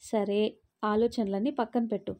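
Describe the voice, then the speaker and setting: A woman voicing a gentle, caring young husband in a spoken story. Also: mid-range voice, steady tone, normal speed, close to an everyday voice. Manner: gentle, coaxing.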